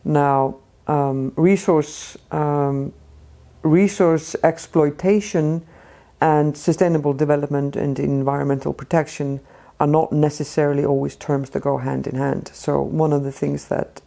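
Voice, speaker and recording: Icelandic woman, low-pitched, gravelly, measured interview guest. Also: steady tone, warm tone. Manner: measured, frequent ums and restarts. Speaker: guest, Arctic policy expert. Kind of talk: casual interview talk.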